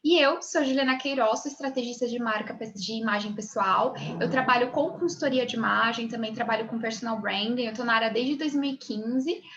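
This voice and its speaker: Teacher, woman, bright-pitched, lecturing on a video call with muffled sound. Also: fairly quick, hardly any pauses, a crowd in the background. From Brazil. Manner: friendly greeting of students, then lecturing. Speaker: image consulting teacher. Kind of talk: online class via video call. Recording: dull lo-fi video call audio.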